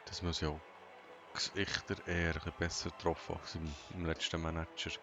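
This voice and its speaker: A man commenting on his racing manager game in a flat, monotone, emotionless way. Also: sits low, a little fast, background noise. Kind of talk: let's play commentary.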